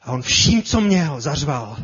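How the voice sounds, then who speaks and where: A man preaching a sermon with passion, often repeating his words and building to loud cries. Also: a little high, sing-song, husky, lo-fi sound. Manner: impassioned, repetitive, builds to shouts.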